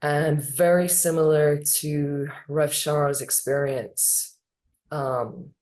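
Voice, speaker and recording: A middle-aged woman sharing a personal story at an online memorial ceremony, animated and acting out what people said. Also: sits low, slow pace. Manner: animated, acts out quoted voices. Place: online video call.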